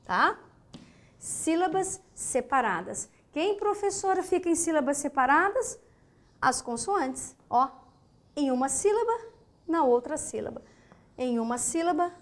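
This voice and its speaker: A woman teacher with a Brazilian Portuguese accent giving a grammar lesson, emphatic, repeating key words and checking in with the class. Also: high-pitched.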